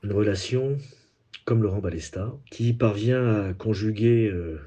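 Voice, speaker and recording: A man leaving a prepared, earnest tribute message in a measured, admiring manner. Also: lowish voice, dark tone. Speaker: industry acquaintance leaving a tribute.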